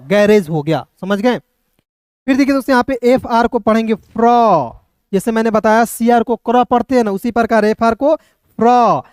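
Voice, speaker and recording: In a Hindi phonics lesson, a man spells English words one letter at a time, explaining slowly. His high voice is clear and resonant, captured at studio quality with no echo. He repeats "doston" often and regularly asks his friends if they understand.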